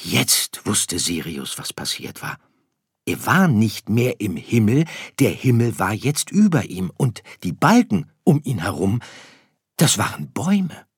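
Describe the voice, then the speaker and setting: A man reading a children's story aloud in a slow, expressive, soft-voiced way. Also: fairly low pitch, breathy edge, dry recording, clean studio sound. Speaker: narrator.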